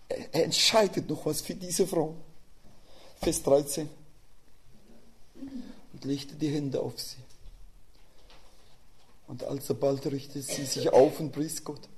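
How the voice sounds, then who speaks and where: A middle-aged man preaching a sermon, telling personal stories and swinging between quiet asides and loud, emphatic outbursts. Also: on the high side, a little hiss or hum.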